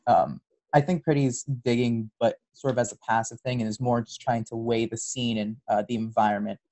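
A woman with a very deep, dark voice plays a tabletop game. Her casual talk is hesitant and measured. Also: steady tone.

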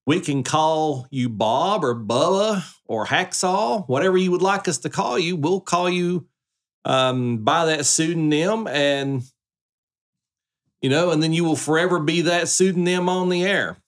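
A man's voice: on the high side, a little slow. A middle-aged man hosting a casual podcast with his son, talking in a folksy, joking way. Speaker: podcast host, dad.

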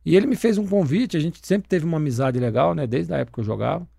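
A man's voice: a little high, fast, vocal fry, slightly rough, no room sound, clean studio sound. A middle-aged Brazilian man, a former footballer turned broadcaster, chatting casually in an interview and telling stories with lots of swearing. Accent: Brazilian Portuguese. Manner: animated storyteller, swears freely.

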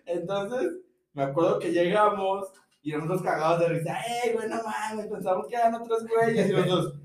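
Speaking at normal speed in a high, steady voice, this young Mexican podcast co-host recounts a vacation in casual slang, laughing and voicing what his friends said. He has a Mexican Spanish accent and sits far from the mic in an echoey room.

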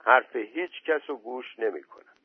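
A man's voice: mid-range voice, lively intonation, husky, no room sound, voice pushed up. A man voicing a stubborn village man who refuses everyone, recorded dry through a phone-like line. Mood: defiant. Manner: defiant, stubborn. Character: stubborn young village man, fond of a dog.

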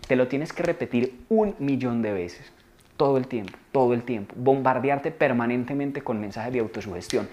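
A man's voice: medium pitch, a little mellow. Earnest man giving life advice. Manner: earnest, coaching, repeats key phrases for emphasis. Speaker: motivational video maker. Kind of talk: motivational self-help talk to camera.

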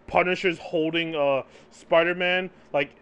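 A man's voice: fairly high pitch, fairly even intonation, a little slow, a bit bright, smooth, dull audio. A man co-hosting a podcast, chatting casually about comic books and tagging his points with "right?". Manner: tags sentences with "right?"; laughs often between points. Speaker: podcast co-host. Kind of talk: casual comic book discussion.

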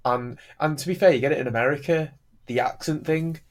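A man's voice: on the high side, fairly quick. A man from northern England hosts a casual podcast chat in his northern English accent. He jokes around, swears freely, and keeps asking follow-up questions. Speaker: podcast host.

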